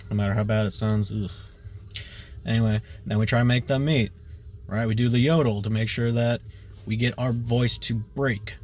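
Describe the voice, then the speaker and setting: A man gives an informal singing lesson, his voice sitting at an ordinary middle pitch. He rambles a little, stacking fillers and checking in with a quick "right?" as he explains. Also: steady tone, darkish tone, slight background noise. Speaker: vocal coach. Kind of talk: casual video lesson.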